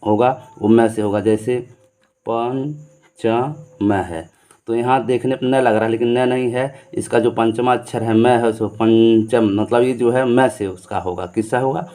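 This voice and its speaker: Mellow-voiced male teacher explaining patiently. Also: mid-range voice. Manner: repeats points, asks and answers his own questions. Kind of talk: explaining Hindi grammar to students.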